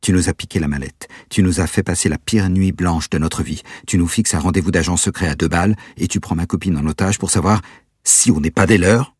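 A hot-headed young man in a storybook reading, curt and blunt, who talks through his teeth, as a very deep-voiced narrator plays him. the voice is husky and dry. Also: fast, few pauses, darkish tone, no echo. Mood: furious. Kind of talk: audiobook character voice.

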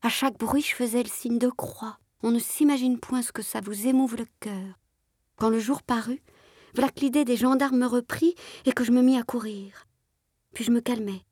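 A woman voicing a young, worn former country servant girl in a hushed, confiding whispered role-play, using rustic turns of speech. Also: fairly high pitch, fairly even intonation, moderate pace, breathy edge, dry recording, studio quality.

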